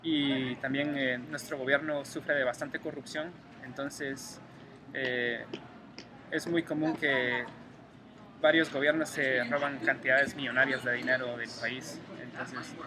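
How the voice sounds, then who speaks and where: A Guatemalan graduate student in his twenties, speaking with a Guatemalan Spanish accent, answers interview questions thoughtfully but with many hesitations. His mid-range voice is flat and slow. The room around him is noisy.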